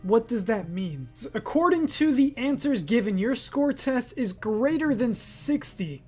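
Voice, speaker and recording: A man's voice: very high-pitched, lively intonation, a little slow, darkish tone, husky, faint music behind. A young man chatting casually as he reads a quiz aloud, rambling and often correcting himself, and laughing at his own words. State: hiccuping. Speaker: gaming video creator.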